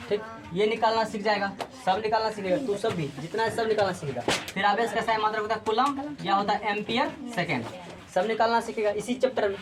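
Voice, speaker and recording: A woman's voice: medium pitch, fast talker. Drilling woman physics teacher. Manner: drills students with repeated call-and-response questions. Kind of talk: classroom lecture.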